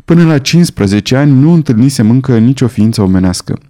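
A man's voice: mid-range voice, animated, mellow, voice pushed up, natural voice. A man voicing a remorseful young man raised in the jungle, speaking earnestly.

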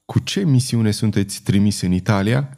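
A man's voice: fairly low pitch, vocal fry, mellow. A man voicing a scheming older churchman who speaks in an urgent, icy, insistent way.

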